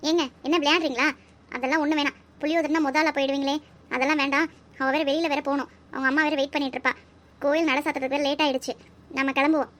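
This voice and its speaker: A woman voicing an impatient old grandmother in a Tamil cartoon who scolds loudly. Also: sits high. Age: older.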